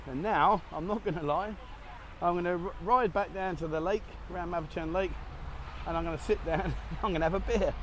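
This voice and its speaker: A travel vlogger chats casually to camera at a partly outdoor cafe in Thailand, rambling along and laughing at his own slips. His voice sits high with a fairly bright tone and a slightly fast pace, and there is slight background noise.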